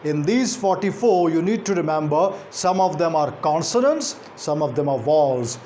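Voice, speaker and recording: A man teaching English pronunciation, speaking deliberately and repeating example sounds slowly. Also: on the high side, animated, dark tone, slight background noise. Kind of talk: phonetics lecture.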